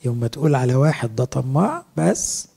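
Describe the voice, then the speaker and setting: A man's voice: medium pitch, big pitch swings, fast, gravelly, dark tone, breathy edge. A middle-aged man with an Egyptian Arabic accent, preaching a sermon as a priest, earnest and asking his listeners rhetorical questions.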